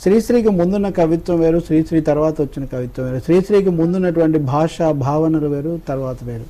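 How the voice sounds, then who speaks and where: A man with a high but dark, mellow voice, speaking as a guest scholar in a studio discussion. He builds his points as lists, pauses to recite lines of verse, and keeps an explanatory, lecturing tone throughout.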